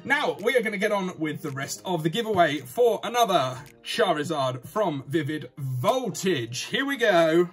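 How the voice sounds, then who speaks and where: A British man in his thirties hosting a casual unboxing vlog, chatting excitedly as he announces giveaways. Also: sits high, normal speed, few pauses, faint music behind. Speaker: YouTube host. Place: small indoor room at a desk.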